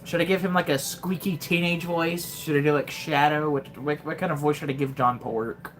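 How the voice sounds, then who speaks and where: A man's voice: fairly high pitch, steady tone, moderate pace, fairly bright tone. A man commentating his own gameplay on a live stream, joking and talking directly to his chat. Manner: chatty, joking, talks to chat. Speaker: game streamer.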